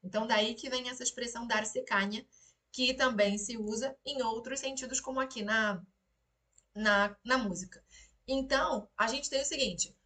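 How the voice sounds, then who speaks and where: A woman gives a relaxed, chatty lesson on the lyrics of a song and keeps checking that her listeners follow. Her voice is bright and sits a bit high. She is recorded on a phone placed some way off. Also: moderate pace. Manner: chatty, explanatory, frequent "né?" and "tá?" check-ins. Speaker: Spanish teacher. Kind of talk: casual live lesson explaining song lyrics. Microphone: phone set a little away from her.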